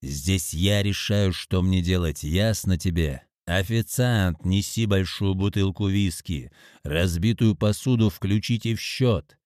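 A man's voice: fairly low pitch, unhurried, hardly any pauses, a little mellow, no room sound, clean studio sound, close to an everyday voice. A man voicing a domineering drunk man who turns cruel, speaking coldly and commandingly. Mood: harsh. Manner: cold, commanding.

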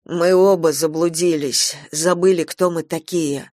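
A woman voicing a grieving, remorseful man who pleads slowly and brokenly with his wife. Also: on the low side, steady tone, darkish tone, no echo, studio quality, close to an everyday voice. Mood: pleading.

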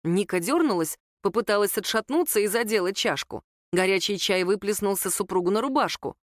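A woman narrating a story aloud in a steady, intimate manner. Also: mid-range voice, fairly quick, dry recording, studio quality. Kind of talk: audiobook story reading.

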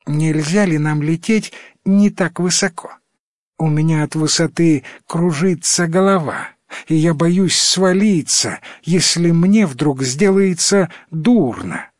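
A man voicing a vain, boastful female frog in a storybook reading, shrill and excited. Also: takes it slowly, no room sound, studio quality. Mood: anxious.

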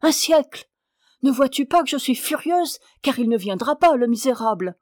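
A woman's voice: sits high, animated, moderate pace, darkish tone, dry recording, clean studio sound. A woman reading aloud, voicing an imperious, impatient young wife who scolds sharply. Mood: furious. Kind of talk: audiobook character reading.

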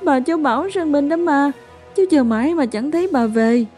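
A woman's voice: sits high, expressive, a little fast, mellow, soft background music, pitched above the performer's own voice. A woman voicing a sobbing terrified little boy. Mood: pleading. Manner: stammering, panicked pleading. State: crying.

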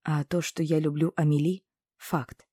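A woman narrating a first-person audiobook in a calm, emotive, dramatic reading. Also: sits low, unhurried, breathy edge, no echo, studio quality.

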